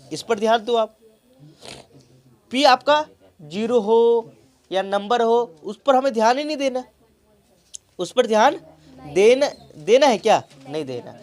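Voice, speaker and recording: A man teaching a classroom math lesson as a tutor, constantly prompting his pupils with questions and calling them by affectionate terms. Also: extremely high pitch. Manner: coaxing call-and-response questioning.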